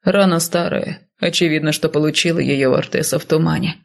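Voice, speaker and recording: Woman reading as a calm, dry male healer. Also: low voice, a little fast, creaky. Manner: level, dry, matter-of-fact.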